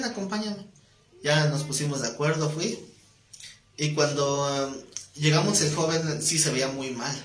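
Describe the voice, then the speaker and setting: A man's voice: fairly high pitch, a little hiss or hum. A man teaching a Bible class, telling an anecdote and acting out the dialogue. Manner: animated storyteller who acts out dialogue. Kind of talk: anecdotal live class talk. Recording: echoey room.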